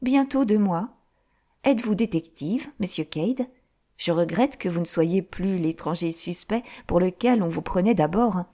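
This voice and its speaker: A woman reading an audiobook, voicing a bright, teasing young noblewoman with a lively, mocking manner. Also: fairly low pitch, a little slow.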